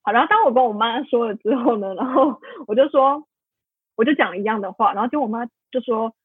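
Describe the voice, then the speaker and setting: Husky-voiced woman over a tinny line. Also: on the high side, quick pace, no echo. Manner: rambling, many fillers and self-corrections, emotional. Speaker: podcast guest. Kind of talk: candid personal storytelling. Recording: tinny phone-like line, dry.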